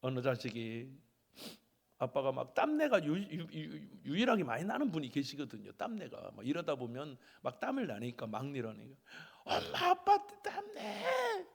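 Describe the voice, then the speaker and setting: A man's voice: medium pitch, big pitch swings, normal speed, creaky, big-room sound. A man preaching a sermon as pastor in a church sanctuary, who acts out family members in quoted voices.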